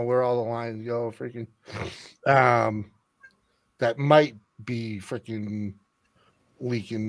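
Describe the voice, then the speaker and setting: A man's voice: medium pitch, no echo. Rambling, sweary man in casual chat.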